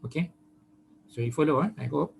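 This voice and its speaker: A man's voice: a little high, brisk, creaky, slight background noise, poor audio. A male university lecturer giving an online lecture on a video call, hesitant with many fillers, who is losing his voice.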